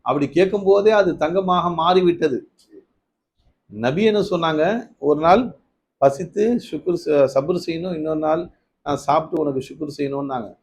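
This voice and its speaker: Male preacher, storytelling sermon, fairly high voice, emphatic swells. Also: moderate pace, gravelly, pauses often, a little mellow, a little hiss or hum. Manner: storytelling, rising to emphatic peaks then dropping low; questions to the listeners. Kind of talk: Ramadan night sermon.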